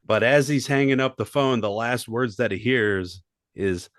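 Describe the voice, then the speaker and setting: A man's voice: medium pitch, unhurried, fairly bright tone, dry recording, clean studio sound. A man co-hosting a comedy podcast who rambles through segment intros and mock sponsor reads with a self-mocking, hesitant manner. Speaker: podcast co-host.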